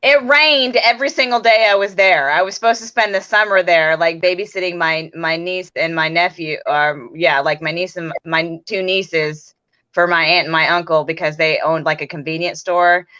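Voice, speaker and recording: A woman's voice: on the low side, fairly even intonation, moderate pace, pushed and bright, highs cut off. A woman chatting casually as a guest over a video call, talkative and full of fillers. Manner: chatty, laughs often, fillers like "like". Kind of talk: casual chat.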